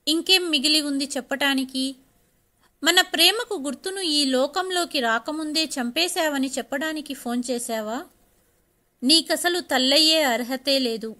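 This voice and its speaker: Unforgiving young husband in a read story, played by a woman; harsh, bitter, bright. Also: sits high, measured pace. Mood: angry.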